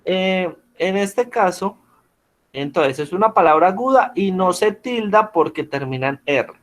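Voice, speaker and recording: Teacher on a video call. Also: male voice, sits high, animated, a little slow. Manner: patient, checks in with frequent questions. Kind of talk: online class lesson.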